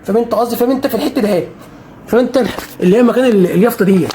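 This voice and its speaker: A man's voice: very high voice, rapid-fire, background noise. A man with an Egyptian Arabic accent, a football fan streamer talking casually to camera, repetitive and emphatic, swearing oaths.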